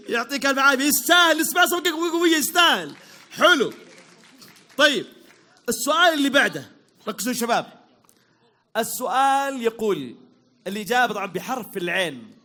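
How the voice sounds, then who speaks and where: A Saudi man hosting a quick quiz for a crowd, upbeat and teasing, repeating praise and calling out to the audience. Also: extremely high pitch, big pitch swings, sharp tone. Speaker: quiz host at a public event.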